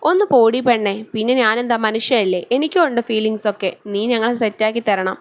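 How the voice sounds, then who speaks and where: A woman's voice: fairly high pitch, a little fast, dry recording, close to an everyday voice. A woman doing a chatty, teasing young best friend. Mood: playful. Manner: playful, bantering.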